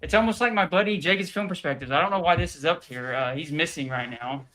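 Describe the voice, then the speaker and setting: Man doing a jokey young superhero, out of breath, rambling, fairly high voice, video call. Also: quick pace, pushed and bright. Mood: joking. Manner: joking, rambling in character. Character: male young adult superhero, jokey and weary.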